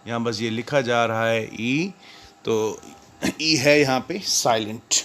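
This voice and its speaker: An older man teaches a recorded English lesson with an even voice of middling pitch. He draws out each word on his lists slowly, then patiently explains the sounds between them. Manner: slow, drawn-out reading of word lists.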